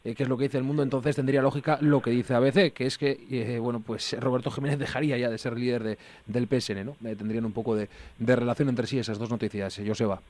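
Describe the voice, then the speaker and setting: A man's voice: medium pitch, steady tone, fast talker, a little mellow. Male radio host reading headlines. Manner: reads headlines, steers discussion. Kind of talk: radio panel moderation.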